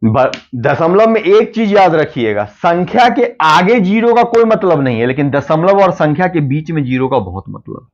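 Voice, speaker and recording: A man's voice: on the high side, sing-song, normal speed, hardly any pauses. A man teaching a math lesson for exam preparation, explaining step by step and often checking that the class is following. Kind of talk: exam-prep math lecture. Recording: dull lo-fi recording.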